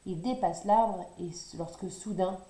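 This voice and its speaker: A woman reading a children's story aloud in a lively, expressive way. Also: lowish voice, unhurried. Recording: roomy echo.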